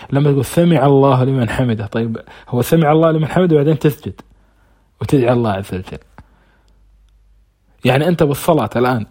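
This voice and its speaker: A man's voice: mid-range voice, dark tone, breathy edge. A man giving an informal religious lesson on scripture, asking rhetorical questions and answering them himself. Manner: recites scripture between conversational explanation. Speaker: religious teacher.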